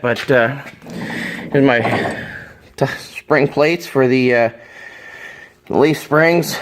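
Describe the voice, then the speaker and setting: A laid-back man talks a viewer around a project, his voice worn hoarse from a cold. His delivery rambles along with plenty of "uh" and "you know". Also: medium pitch, a bit bright. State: has a cold, voice going hoarse. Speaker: vlogger. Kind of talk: casual walkaround vlog.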